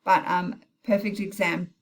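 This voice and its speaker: In a lowish voice with little pitch movement, a woman speaks a little slowly while teaching an informal recorded maths tutorial. She thinks out loud through calculator steps, correcting herself and offering short apologies. Heavy rain pours outside throughout.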